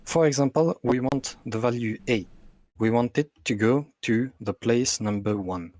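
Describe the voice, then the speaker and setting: A man's voice: mid-range voice, a little mellow, no room sound. Man on glitchy warbling call audio. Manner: halting, with many ums and restarts. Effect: glitchy, warbling video-call audio. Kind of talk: explaining computer science notation over a call. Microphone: computer mic on an online call.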